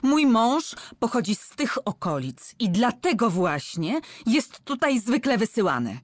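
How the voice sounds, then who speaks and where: A bold young woman bluffing her way past soldiers, her voice pitched high and urgent, as a female narrator puts her on. The delivery is slow and close, with no room sound at all. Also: big pitch swings, no echo. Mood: agitated, defiant. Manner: agitated, raised and pleading.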